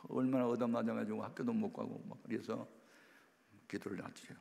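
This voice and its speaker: A man preaching a storytelling sermon, his voice rough with gravelly fry. He brings the story to life by playing its people, and a long reverb follows him around the church hall. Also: on the low side, steady tone, fairly quick, darkish tone. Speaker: pastor.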